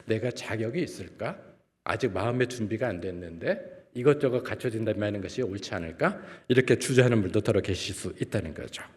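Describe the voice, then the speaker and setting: Male preacher, low and animated, builds loud then drops soft, recorded with long reverb in a church sanctuary. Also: fairly quick. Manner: asks the congregation rhetorical questions; sweeps between loud and soft phrases. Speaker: guest preacher, professor. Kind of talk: sermon.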